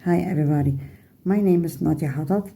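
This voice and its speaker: Dark-voiced woman from Belgium. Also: on the low side, fairly quick, creaky, husky, poor audio. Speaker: board candidate. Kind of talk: self-introduction speech.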